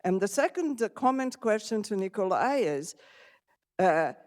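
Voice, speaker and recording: A woman's voice: medium pitch, sing-song, unhurried, darkish tone. A woman from Serbia in the audience, politely commenting and asking a question of the panel. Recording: reverberant lecture hall.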